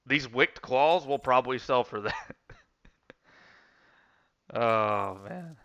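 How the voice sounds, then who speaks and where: A man's voice: mid-range voice, lively intonation, slow, fairly bright tone, dull audio. A man chatting casually on a gaming stream, telling rambling stories with many restarts and fillers.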